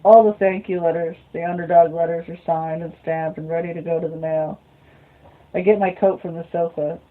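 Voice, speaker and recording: A woman's voice: lowish voice, fairly even intonation, moderate pace. Woman, novel reading, narration, thin phone-like sound. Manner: mutters asides to herself between passages. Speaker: reader. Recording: phone-like lo-fi recording.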